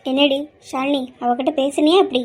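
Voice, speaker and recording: Woman voicing a fretful middle-aged mom, slow, pleading, high and bright. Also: fairly even intonation, close to an everyday voice. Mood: worried. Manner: slow, pleading, scolding at times. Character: worried middle-aged mother, pleading and weary. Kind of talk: amateur family drama.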